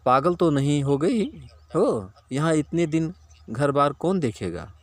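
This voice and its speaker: A man's voice: a little high, very animated, a little slow, no room sound, voice pushed up. A man voicing a lazy, gluttonous fat village man who scolds and grumbles at everyone. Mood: grumbling, bossy.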